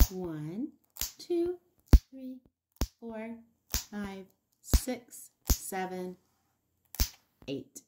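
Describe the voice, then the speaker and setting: Female preschool teacher for a kids' counting video. Unhurried, animated intonation, encouraging, pauses for the child to reply. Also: medium pitch. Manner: encouraging, sing-song, pausing for answers. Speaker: early-years teacher hosting an online circle time. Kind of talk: child-directed counting lesson with questions to viewers.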